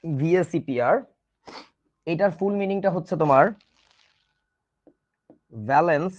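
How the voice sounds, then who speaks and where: Male Bangladeshi teacher, jokey and scolding, somewhat high-pitched, muffled audio. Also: unhurried. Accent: Bangladeshi Bengali. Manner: chatty, teasing, scolds students playfully. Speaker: chemistry teacher. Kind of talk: casual online class lecture.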